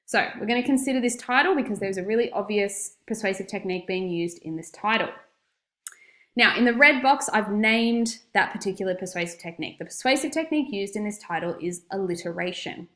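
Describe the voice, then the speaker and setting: Female teacher, Australian accent, medium pitch. Instructive recorded lesson with emphatic key points, noticeably echoey room. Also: animated, a little fast, fairly bright tone. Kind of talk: recorded classroom lesson, explanatory.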